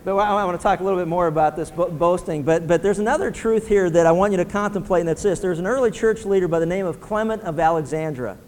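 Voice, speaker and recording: A man delivers a sermon with a fairly high voice that rings out through a long hall reverb. He talks to the congregation casually, dropping softly for prayer and lifting for emphasis. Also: fast talker, few pauses, slight background noise. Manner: conversational preaching, shifting between soft prayerful tones and emphatic points. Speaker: pastor.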